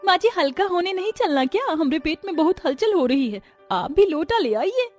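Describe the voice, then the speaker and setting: A woman's voice: very high-pitched, very animated, moderate pace, faint music behind, voice pushed up. Woman doing a brassy village bride. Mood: loud. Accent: Bhojpuri-tinged eastern Hindi. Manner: loud, sassy, drawling village dialect. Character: brash village bride from Banaras, young woman, cheeky.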